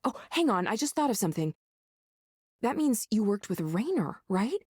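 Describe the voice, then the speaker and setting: A woman's voice: a little high, big pitch swings, normal speed, darkish tone, breathy edge, dry recording, clean studio sound. An actress playing a friendly, eager and admiring woman in a visual novel, with an earnest, chummy manner. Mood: surprised, admiring.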